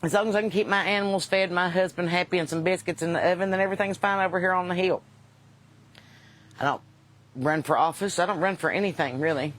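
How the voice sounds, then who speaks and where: A woman's voice: lowish voice, fairly even intonation, quick pace. Folksy Southern woman chatting off the cuff. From Kentucky. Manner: folksy, unpolished, wisecracking. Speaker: host and singer chatting with live viewers. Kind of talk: casual livestream chat.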